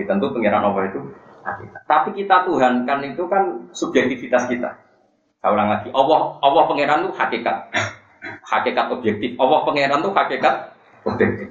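A man's voice: medium pitch, a bit bright. A middle-aged man with a Javanese accent giving a humorous religious study lecture, repeating his key points and quoting Arabic. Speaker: Islamic preacher. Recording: echoey, muffled lo-fi recording.

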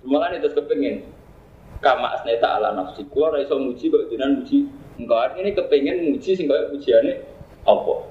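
Speaking quickly in a slightly high voice, this Islamic preacher has a Javanese accent and keeps his religious talk casual, often joking and laughing as he recites verses in Arabic. The sound is roomy, dull, and lo-fi.

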